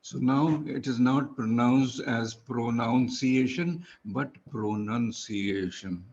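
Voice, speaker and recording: A man's voice: medium pitch, fairly even intonation, unhurried, gravelly, darkish tone, breathy edge, dull audio. A man teaching English pronunciation one-on-one, patiently spelling words out letter by letter. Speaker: English tutor.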